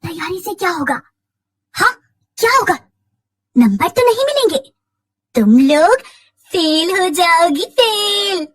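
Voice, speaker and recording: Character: a crazed pregnant schoolgirl, played by a woman. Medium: animated story. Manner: singsong, taunting, pleading like a child. Pitch: very high. Range: very wide. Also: slow pace, long pauses, no echo, heavily acted, poor audio. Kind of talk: Hindi cartoon story voice acting.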